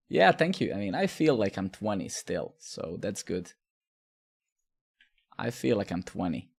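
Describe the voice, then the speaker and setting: A man's voice: lowish voice, sing-song, takes it slowly, creaky, long pauses. Rambling Serbian-born streamer man. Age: 30s. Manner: rambling, lots of filler, swears, asks "right?". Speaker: live-coding streamer. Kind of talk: casual chat while coding.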